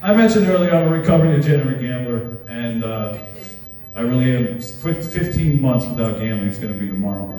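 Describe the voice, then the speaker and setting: A man's voice: medium pitch, expressive, brisk, mellow, a little hiss or hum. A man doing a crude, self-mocking stand-up set, telling stories and laughing along. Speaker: stand-up comedian. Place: large hall with live audience. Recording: echoey hall, from far off.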